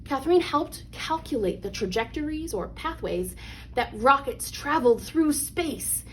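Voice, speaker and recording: A woman with a high, animated voice reads a children's picture book aloud at a measured pace as a read-along storyteller. She is expressive and stresses key phrases dramatically, though the recording is rough with clear background noise.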